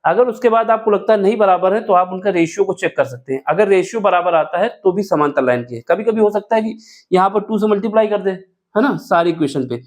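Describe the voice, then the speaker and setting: A man with a high-pitched, brisk voice teaches a board-exam math lesson step by step. He poses rhetorical questions, answers them himself, and corrects himself aloud.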